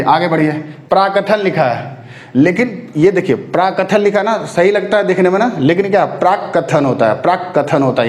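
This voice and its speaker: A man teaching an exam-prep spelling lesson, drawing words out slowly and often asking if students follow. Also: sits high, echoey room. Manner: repeats words slowly to drill pronunciation; keeps checking if students follow.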